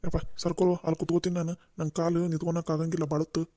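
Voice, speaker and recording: An old cartoon village elder, voiced by an actor gives calm advice in a North Karnataka Kannada accent. The voice is mellow and mid-pitched. The sound is dry and close. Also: quick pace, dry recording, close to an everyday voice. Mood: advising. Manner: calm, advising. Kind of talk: cartoon voice acting.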